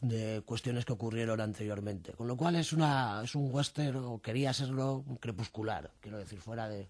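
Husky, hesitant Spanish man. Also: mid-range voice, moderate pace, darkish tone. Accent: Spain. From Bilbao, Spain. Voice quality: husky, boozy-sounding late-night voice. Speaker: novelist, studio guest. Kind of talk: casual radio interview.

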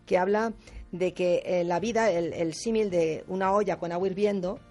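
A woman speaking as a guest on a radio talk show, explaining in a lively way, acting out quotes and often adding quick tag questions. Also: lowish voice, faint music behind. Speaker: guest speaker on difficult personalities.

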